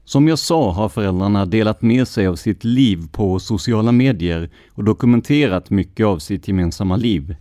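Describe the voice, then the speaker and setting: A man hosting a true crime podcast, reading police records in a measured, scripted narration. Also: fairly low pitch, dark tone, no echo, clean studio sound. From Sweden.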